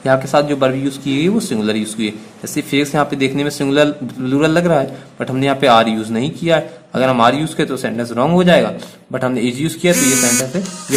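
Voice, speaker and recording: A man's voice: mid-range voice, slight background noise. Hindi-speaking male teacher explaining grammar. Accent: Indian English words in Hindi speech. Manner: repetitive, asks and answers own questions.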